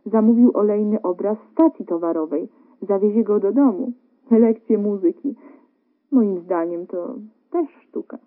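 A woman voicing a cheerful, tender young male painter in a radio story reading, talking in a lively, eager way. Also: medium pitch, a little slow, natural voice. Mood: excited. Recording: narrow phone-like radio broadcast.

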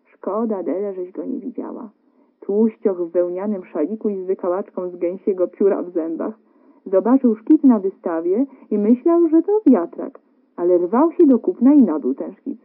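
A woman voicing a cheerful, tender young male painter in a radio story reading, talking in a lively, eager way. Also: mid-range voice, moderate pace, close to an everyday voice. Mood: excited. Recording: narrow phone-like radio broadcast.

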